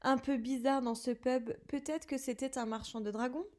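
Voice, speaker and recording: A woman's voice: high voice, fairly even intonation, moderate pace, a little mellow, lightly acted. A woman voicing a big, kindly male gamekeeper who rambles in candid talk. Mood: chatty.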